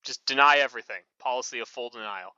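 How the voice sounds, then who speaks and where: A man's voice: medium pitch, fast talker, pushed and bright, smooth, dry recording. A man co-hosting a podcast in casual chat, rambling with many fillers and self-corrections. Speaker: podcast co-host. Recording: muffled lo-fi mic.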